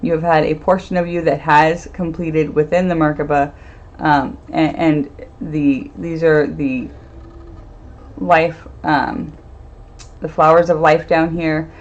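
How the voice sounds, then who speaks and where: Low-voiced chatty woman reading tarot. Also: level tone, takes it slowly, a little mellow. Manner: chatty, laughs often, many fillers and restarts. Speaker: medium and tarot reader. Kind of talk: casual live-stream tarot reading. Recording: dull lo-fi stream audio.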